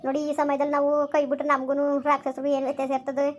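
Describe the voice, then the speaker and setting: A woman's voice: sits high, completely flat delivery, very fast, lightly acted. A woman playing a kind young sister-in-law who soothes and persuades her family in an amateur village drama. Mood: soothing.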